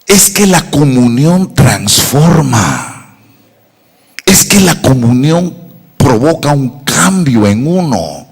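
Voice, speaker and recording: Lively preacher, echoey hall. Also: male voice, mid-range voice, takes it slowly, breathy edge. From Costa Rica. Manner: emphatic preaching with repeated rhetorical questions. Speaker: pastor. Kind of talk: sermon.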